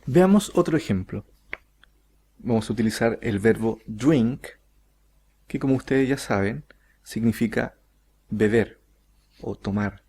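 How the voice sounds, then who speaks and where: A man teaching English grammar, explaining slowly and carefully and stretching out each English example sentence. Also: lowish voice, mellow, breathy edge. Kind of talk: recorded grammar lesson.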